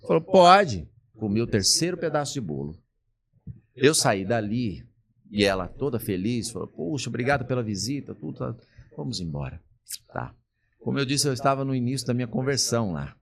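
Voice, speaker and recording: A man, a pastor telling a personal story as a podcast guest, acting out the people he quotes. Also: fairly low pitch. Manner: animated, acts out the people he quotes. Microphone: podcast studio mic.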